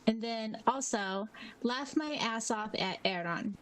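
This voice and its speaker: A woman's voice: fairly high pitch, slow, poor audio. A woman co-hosting a podcast in casual chat, reading listener comments aloud and laughing often. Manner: giggly, reads quotes aloud with small voice shifts. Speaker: podcast co-host.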